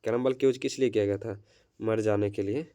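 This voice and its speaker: A man's voice: on the low side, fairly even intonation, a little fast, dark tone. Man chanting exam terms in a lesson. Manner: repeats key terms over and over in rote chants; mixes English terms into Hindi explanations. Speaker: coaching center teacher. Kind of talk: drilling exam answers in a recorded lesson.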